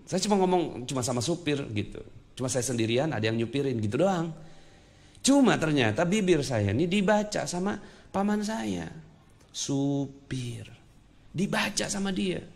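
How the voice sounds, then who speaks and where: A man's voice: fairly high pitch, lively intonation, normal speed, gravelly, darkish tone. A male religious teacher telling a personal story in an earnest sermon, often addressing the audience directly. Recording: long reverb.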